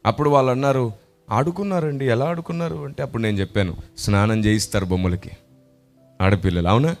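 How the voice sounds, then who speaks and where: A male pastor preaching a sermon that is full of stories, emphatic and rising to loud exclamations, and acting out the voices of people in his stories. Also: on the low side, fast, creaky, soft background music. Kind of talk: sermon with storytelling.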